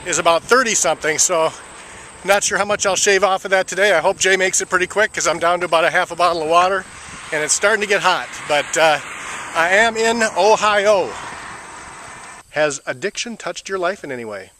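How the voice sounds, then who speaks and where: A man walking on rural roads who records a casual video diary and interviews strangers in a halting way, full of "uh" fillers. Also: high-pitched, sharp tone, a little hiss or hum. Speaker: walker filming a fundraiser walk.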